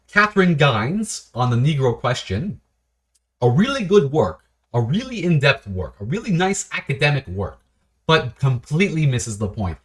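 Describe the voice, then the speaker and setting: An animated man talks unscripted to camera for his own video series. His pitch swings widely from low to high as he rambles along. He keeps restarting his sentences and breaking off with short laughs. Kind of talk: casual unscripted monologue.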